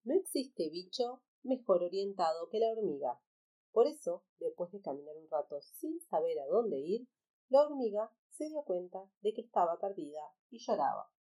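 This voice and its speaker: A woman with a medium-pitched voice reads a children's story aloud at a moderate pace, telling it in an expressive, animated way.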